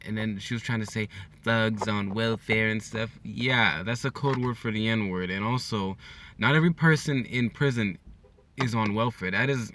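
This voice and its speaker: A young Californian YouTuber rants in a casual opinion vlog, animated and repetitive, packed with slang and frequent "okay?" check-ins. His voice sits lowish, with a little hiss or hum in the recording.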